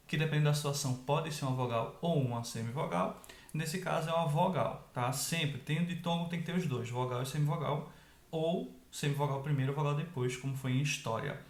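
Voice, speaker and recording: A man teaching an online grammar lesson, explaining step by step and checking in with quick tag questions. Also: a little high, echoey room.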